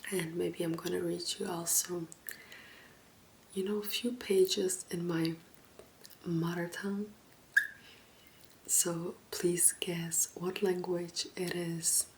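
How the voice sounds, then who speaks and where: A woman who is not a native English speaker, whispering soft ASMR book talk close to the mic and asking viewers questions directly. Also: on the low side, little pitch movement, takes it slowly, pauses often, noisy background. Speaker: ASMR creator.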